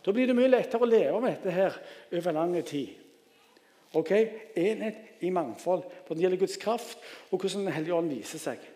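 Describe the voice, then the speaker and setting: A man preaching with a high voice that rings out through a church, its reverb trailing long after each phrase. His delivery is lively and joking, and he keeps calling on the congregation to answer. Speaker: guest preacher. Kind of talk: sermon.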